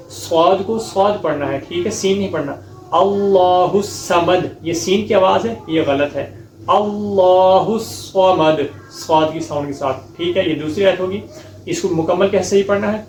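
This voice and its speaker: A high-voiced man teaches Quran recitation one verse at a time, stopping often to check that his learners follow. He explains each common mistake, then chants the verse slowly and melodically. The recording sounds echoey, with a faint hiss underneath. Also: darkish tone. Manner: repeats "ٹھیک ہے؟" to check understanding. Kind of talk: step-by-step recitation lesson.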